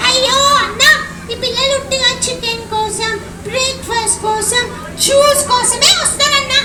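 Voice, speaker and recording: A puppeteer gives voice to Andy, a cheeky little boy puppet, in a high, squeaky tone, chatty and playful as he teases the kids and calls everyone brother. Intonation stays fairly even at a moderate pace. It's a live children's puppet show, heard from far off in an echoey hall with a loud crowd and noise.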